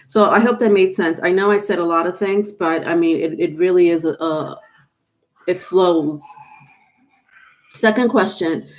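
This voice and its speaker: A woman with a lowish voice and a stuffed-up nose speaks unhurriedly, pausing often. She's a tarot reader doing a live reading on camera, recorded on a webcam or phone, and she rambles with plenty of fillers and false starts.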